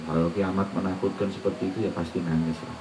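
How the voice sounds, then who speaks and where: A man's voice: deep voice, flat delivery, fast talker, recorded from a distance, noisy background. A man giving an Islamic sermon, quoting Arabic recitations and asking the listeners rhetorical questions. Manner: mixes Arabic recitation with colloquial teaching, asks rhetorical questions. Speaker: preacher. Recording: roomy echo, voice off-mic.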